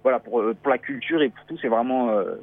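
A man talking as a guest traveler in a radio interview, halting and thoughtful, with many restarts. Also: medium pitch. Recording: thin phone-like dry sound.

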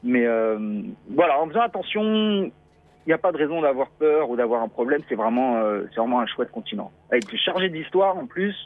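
A man talking as a guest traveler in a radio interview, halting and thoughtful, with many restarts. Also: medium pitch, big pitch swings. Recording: thin phone-like dry sound.

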